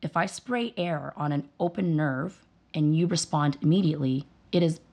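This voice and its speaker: Interviewed casually, a thirty-something mother who works as a dental hygienist shares heartfelt stories, animatedly voicing what each person said. Her voice sits low and moves at a moderate pace.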